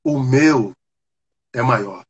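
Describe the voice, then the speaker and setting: A man voicing a gentle old bearded stranger. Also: mid-range voice, lively intonation, extremely slow, breathy edge, muffled recording, voice pushed down, exaggerated voice. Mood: consoling.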